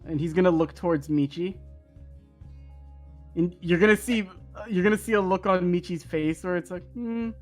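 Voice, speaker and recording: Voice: medium pitch, normal speed. A game master narrating an improvised tabletop role-playing scene for a stream. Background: music.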